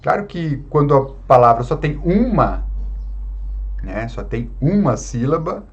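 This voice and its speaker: A man's voice: fairly high pitch, big pitch swings, unhurried, breathy edge, highs cut off. A man teaching an online Latin lesson in Brazilian Portuguese, explaining patiently with frequent tag questions.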